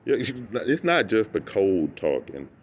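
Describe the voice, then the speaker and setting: Low-voiced man on a rambling comedic rant. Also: slow pace, a little hiss or hum. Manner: animated storytelling that acts out quoted remarks; loose, tangential, repeats himself.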